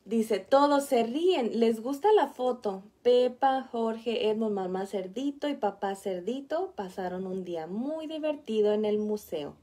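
A woman teacher reads a picture book aloud to young children, explaining each page gently. Her voice sits a little high and sounds warm and mellow. She speaks very slowly and often stops to point things out. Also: animated. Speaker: preschool teacher.

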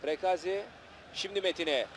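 This football commentator speaks at a normal speed in a high-pitched, slightly bright voice. His live TV play-by-play comes in short, clipped phrases, captured on a noisy old match broadcast from an outdoor stadium.

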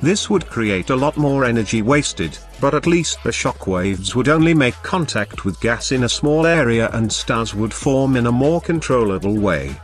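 A man's voice: mid-range voice, expressive, normal speed, hardly any pauses, faint music behind. A man reading a prepared science explainer in a plain, informal way, as the narrator of his video channel.

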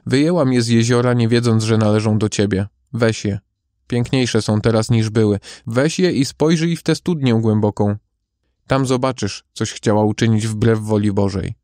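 A man voicing Death as a calm, grave female figure who tends God's garden, speaking in a measured way. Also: lowish voice, no echo, clean studio sound, close to an everyday voice.

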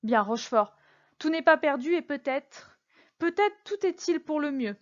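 Storybook role: a cold, scheming old cardinal, low and hushed, voiced by a woman reader; muffled lo-fi sound. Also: expressive. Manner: measured, quietly menacing. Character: stern, cunning old male cardinal, cold and commanding.

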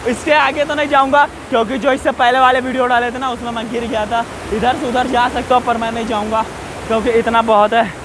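A man with a strikingly high voice vlogs on a rocky hillside, talking straight to his viewers while he walks. He chats loosely and keeps warning about danger. A faint rush of falling water hisses behind him. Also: level tone. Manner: chatty, keeps addressing viewers, repeats safety warnings. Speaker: travel vlogger. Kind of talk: casual walking vlog. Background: faint rushing waterfall.

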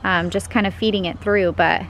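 A woman's voice: medium pitch, steady tone, normal speed, fairly bright tone, rough recording. A young woman giving a casual, enthusiastic tour of her backyard vegetable garden, filmed outdoors on a handheld camera while she walks. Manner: chatty and enthusiastic, pointing things out as she walks. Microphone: handheld camera, filming while walking. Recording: outdoor camera audio with clear background noise.

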